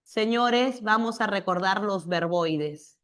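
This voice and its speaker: A woman teacher giving a grammar lesson, acting out little dialogues and slowing down to stress example words. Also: mid-range voice, a bit bright. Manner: acts out imagined student dialogues with quoted examples; checks understanding with tag questions. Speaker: language teacher.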